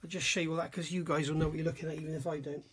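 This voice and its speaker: A middle-aged man rattles along rapid-fire in a slightly high, breathy voice with little pitch movement. He's at an indoor workbench giving a casual hands-on review of a scale model kit, thinking out loud, admiring it, musing and regularly questioning himself.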